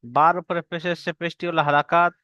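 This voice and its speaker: A high, smooth male voice leads a recorded reading lesson, patiently drilling each rule and asking learners to say it after him. He stretches the letter sounds slowly as he recites. The sound is dry and a little dull. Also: fairly even intonation, pushed and bright, no room sound. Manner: patient, repetitive drilling, asks learners to repeat. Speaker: Quran reading teacher.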